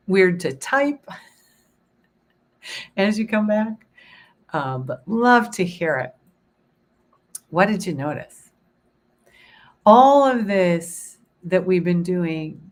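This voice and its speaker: A woman who is hoarse and losing her voice, leading a soothing guided meditation and then chatting casually with her online audience. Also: lowish voice. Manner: slow, soothing guided visualization; rambling, self-interrupting chat with fillers. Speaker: spiritual teacher hosting a livestream.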